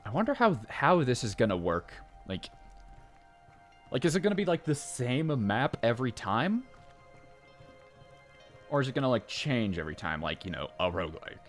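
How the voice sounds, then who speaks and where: A man casually commenting on his gameplay in a rambling way, full of fillers and self-interruptions, jumping up in pitch when excited. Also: moderate pace, long pauses, faint music behind. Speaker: let's play gamer.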